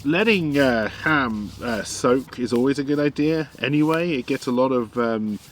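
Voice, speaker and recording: A man with a mid-range voice, at a normal speed and with a faint hiss or hum, livestreams while cooking outdoors in a garden. His chat is rambling and casual, packed with fillers and frequent laughter.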